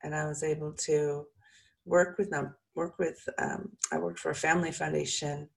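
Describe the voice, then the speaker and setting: A woman's voice: low voice, little pitch movement, normal speed, vocal fry. A woman leading a guided meditation in an informal, soothing, encouraging way, with chatty asides.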